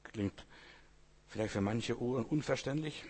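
Husky-voiced man preaching, talking straight to the congregation, repeating his urging lines with rising force. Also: medium pitch, measured pace. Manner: conversational, keeps asking the audience "weißt du"; repetitive exhortation, rising loud on key phrases. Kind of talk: sermon.

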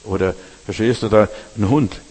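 A man's voice: lowish voice, moderate pace, darkish tone, slightly rough, big-room sound. A man preaching a sermon, addressing listeners directly with frequent asides asking if they understand.

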